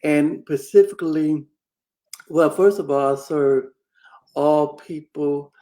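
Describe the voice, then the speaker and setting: A man introducing himself as a guest on a talk show, slow and hesitant. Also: on the high side, mellow, poor audio. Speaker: guest, co-author.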